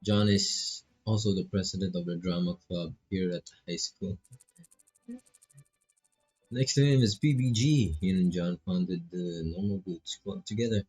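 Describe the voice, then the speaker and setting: Here a streamer with a Filipino accent plays a visual novel, reading the text casually with playful side comments. His low, darkish voice has a breathy edge and an unhurried pace. The low-quality recording carries music behind him.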